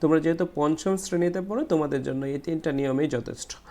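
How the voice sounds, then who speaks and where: A man, teaching a class 5 English lesson and slowly repeating words syllable by syllable. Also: a little high, warm tone. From Bangladesh. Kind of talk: explaining a class 5 English textbook.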